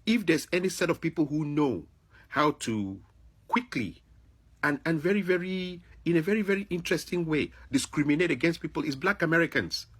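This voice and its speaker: A male vlogger from Africa, his voice a little high, husky, animated and brisk, delivers an opinionated, confrontational monologue at another person. He sounds admonishing and repeats phrases for emphasis.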